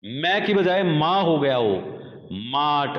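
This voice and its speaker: A man teaching a phonetics lesson to a class, speaking slowly and repeating sample words for his students. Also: a little high. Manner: slow, repetitive, addresses students as children. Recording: echoey lo-fi room recording.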